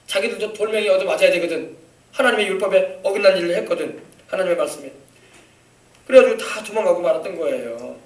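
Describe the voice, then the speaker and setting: Man pastor, children's sermon, very high voice, echoey church, distant mic. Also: fast talker. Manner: animated, coaxing, asks the children questions.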